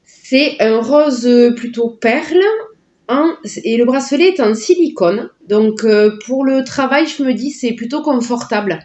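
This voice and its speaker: Slow-talking, chatty woman vlogger. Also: a little high, darkish tone, lo-fi sound. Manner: chatty and delighted, full of filler words. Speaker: vlogger unboxing a product. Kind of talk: casual sponsored unboxing chat.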